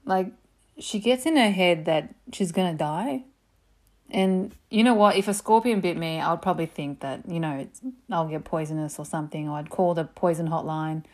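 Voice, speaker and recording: A woman telling personal stories in a casual, animated way, swearing freely and saying "like" a lot. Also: on the low side, normal speed. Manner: animated, profane, lots of "like". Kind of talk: casual storytelling.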